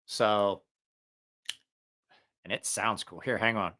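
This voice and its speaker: A man's voice: fairly low pitch, fairly even intonation, slow pace, bright, forceful tone. A man hosting a casual, rambling livestream about gear, profane and jokey, drifting off on tangents, a bit short of breath from allergies. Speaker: livestream host reviewing knives.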